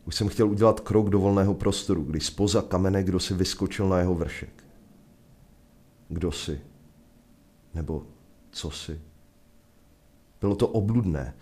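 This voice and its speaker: A Czech man telling a first-person adventure story in a measured, vivid narration. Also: deep voice, mellow. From Czech Republic.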